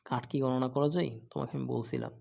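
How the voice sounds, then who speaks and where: Gravelly-voiced man teaching grammar. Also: medium pitch, fairly even intonation, fast talker, warm tone, highs cut off. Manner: patient, repeats examples, frequent "okay?" checks. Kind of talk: explaining lesson, asking and answering own questions.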